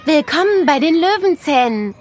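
Brief: woman voicing cheerful third-grade girl in an audiobook, high and lively, bubbly. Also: moderate pace, soft background music. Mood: welcoming. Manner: eager, bright and bubbly. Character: chatty cheerful schoolgirl guide, third grader.

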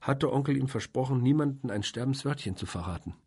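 A man's voice: medium pitch, fairly quick, a little mellow, husky, pitched above the performer's own voice. A man reading an audiobook and voicing a nervous, earnest young woman who pleads for help, in a raised voice. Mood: pleading.

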